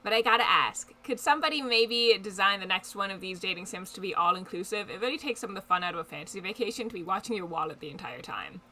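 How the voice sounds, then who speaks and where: Speaking quickly with few pauses, a young woman uses a bright, forceful, expressive mid-range voice. She's streaming a dating game as a casual let's play, reading the game's text aloud and tossing in giggly comments.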